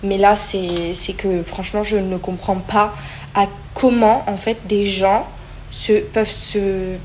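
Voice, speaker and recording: A woman's voice: medium pitch, steady tone, takes it slowly, darkish tone, a little hiss or hum. Young woman chatting hesitantly in a vlog. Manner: hesitant, many fillers. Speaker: vlogger. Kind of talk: casual vlog chat.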